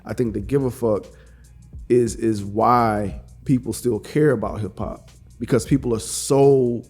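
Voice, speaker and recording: A man's voice: mid-range voice, steady tone, measured pace, a little mellow, faint music behind. A man co-hosting a casual podcast, speaking emphatically in loose, profane slang. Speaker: podcast co-host. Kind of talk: casual roundtable discussion.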